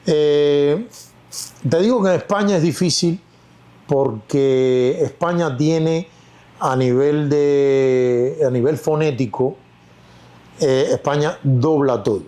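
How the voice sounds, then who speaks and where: A Cuban-accented actor speaks in a casual interview, telling stories reflectively and using plenty of fillers. His mellow voice is on the high side, and he talks at a slow pace.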